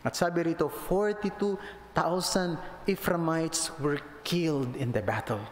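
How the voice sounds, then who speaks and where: A man preaching a sermon as pastor, switching between Tagalog and English and lifting and dropping his voice to stress points. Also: a little slow. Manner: mixes Tagalog and English, rises and drops pitch for emphasis. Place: church sanctuary. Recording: echoey church hall with faint noise.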